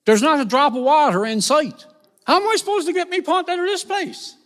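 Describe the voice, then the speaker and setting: A man's voice: very high-pitched, fairly quick, fairly bright tone, pitched above the performer's own voice. A man voicing Jack, an easygoing young Newfoundland fisherman, cheerful and plain-spoken. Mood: puzzled. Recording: reverberant live concert hall.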